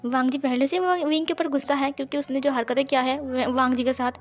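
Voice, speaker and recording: A woman narrating a fan-fiction story in a lively, conversational way. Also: high-pitched, fast, faint music behind.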